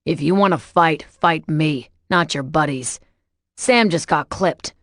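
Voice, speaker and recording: A woman voicing a calm, unbothered teenage boy who fights in an audiobook. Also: low-pitched, measured pace, no room sound, clean studio sound. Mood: firm. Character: cool-headed teenage boy, a tough fighter.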